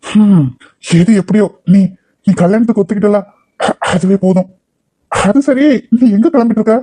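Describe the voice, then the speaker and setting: A man's voice: high voice, moderate pace, dark tone, no echo. A man voicing a sly older uncle in a cartoon, teasing and guilt-tripping, with a Kanyakumari Tamil accent. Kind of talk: cartoon voice acting.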